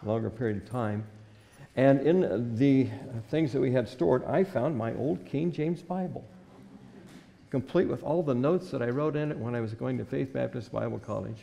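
An older male pastor preaches a sermon from a church pulpit in an earnest, old-fashioned manner, reading scripture aloud into a stand microphone. His mid-range voice has vocal fry and a dark tone, and it fills a large hall.

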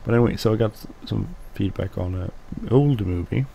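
A man whose first language is Swedish, speaking English with a Swedish accent as he hosts casual gameplay commentary, mumbling and halting with many restarts. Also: lowish voice, vocal fry, mellow, a little hiss or hum, rough recording. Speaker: let's play host.

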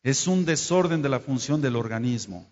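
A man's voice: mid-range voice, lively intonation, moderate pace, darkish tone. A man preaching a Torah study sermon, scolding and speaking straight to his listeners, and stopping to spell out and explain Hebrew terms. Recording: dull lo-fi sound in a reverberant hall.

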